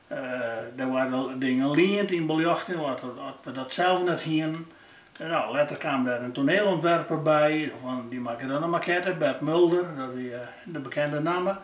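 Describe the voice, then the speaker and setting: An older man with a Frisian accent, reminiscing in an interview about his theater company, halting often with filler pauses. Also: fairly high pitch. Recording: roomy sound, mic at a distance.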